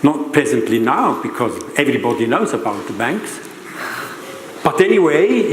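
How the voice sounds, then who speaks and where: An older man from Switzerland, giving a conference lecture in a halting, questioning way. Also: a little high. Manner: halting, searching for words, rhetorical questions. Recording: roomy hall reverb, faint background noise.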